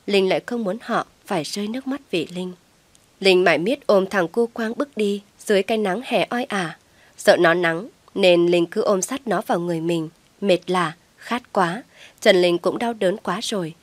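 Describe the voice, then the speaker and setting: Female audiobook narrator, lowish voice, steady read, dry close sound. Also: no echo. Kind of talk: scripted story narration.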